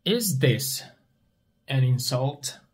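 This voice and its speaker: A man teaches at a very unhurried pace. His voice is husky and mid-pitched. He asks a question, pauses, and then answers it himself in simple words. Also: sing-song. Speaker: English teacher. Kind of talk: slow question-and-answer language lesson.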